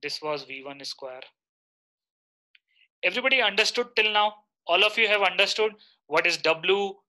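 A man's voice: high voice, normal speed, bright, forceful tone. A man in his thirties with an Indian accent, teaching a live online lecture and often checking in with short questions.

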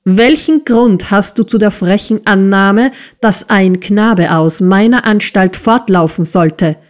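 A woman's voice: fairly high pitch, a little slow, voice pushed up, lightly acted. A woman playing a bellowing brutal schoolmaster. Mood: raging. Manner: shouting, sneering and bullying. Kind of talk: audiobook character reading.

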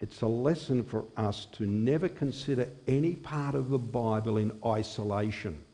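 A man in his sixties preaching a sermon in a small chapel at a lectern microphone, measured and expressive. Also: mid-range voice. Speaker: chaplain preaching.

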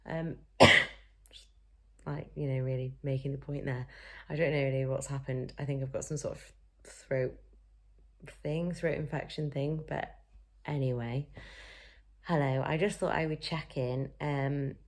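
A woman's voice: a bass voice, creaky, mellow. A young woman chatting to camera in her vlog, rambling with lots of fillers and side notes. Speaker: vlogger.

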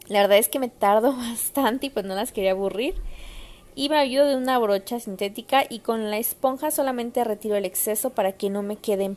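A woman's voice: a little high, darkish tone. A young woman narrating her makeup tutorial to viewers in a chatty way, with lots of filler sounds. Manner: chatty, addresses viewers as girls, many fillers. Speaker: makeup vlogger.

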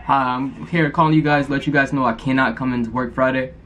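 A man's voice: mid-range voice, fairly even intonation, fairly quick, a bit bright, faint music behind. A young man speaking in a casual, slangy, informal way, as in a prank-call vlog recorded indoors. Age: young adult. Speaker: prank caller and vlogger. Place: indoor room at home.

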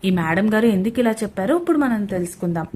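A man's voice: high voice, expressive, quick pace, darkish tone, a little hiss or hum. A woman voicing a young male tutor who is also a teasing husband, with a dry manner.

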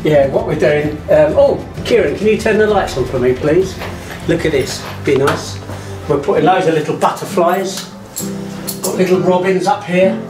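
A man's voice: fairly high pitch, normal speed. A middle-aged man chatting casually on camera in an indoor school reception area, informal and a little self-conscious. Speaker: sculptor interviewed on site. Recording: roomy, distant, with music behind.

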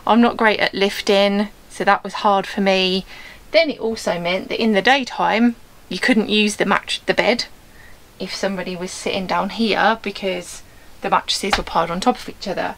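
A woman's voice: medium pitch, fairly even intonation, moderate pace, a bit bright, rough recording. A woman in her forties with an English accent, chatting casually and laughing at herself while working on a van. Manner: chatty and self-mocking, laughs often. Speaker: vlogger, van converter. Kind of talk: casual vlog chat. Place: inside a van on a driveway and outdoors beside a house.

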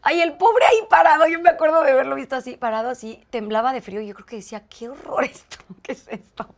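A woman's voice: sits high, quick pace. A woman with a Mexican accent, a guest in an interview, telling a personal story and acting out the dialogue. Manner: animated, acts out quoted dialogue. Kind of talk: conversational storytelling.

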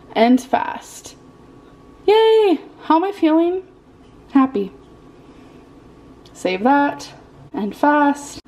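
Young woman, lightly high-pitched, casual vlog chat, recorded at home. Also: low-quality recording. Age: young adult. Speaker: vlogger. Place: indoors at home, kitchen and rooms.

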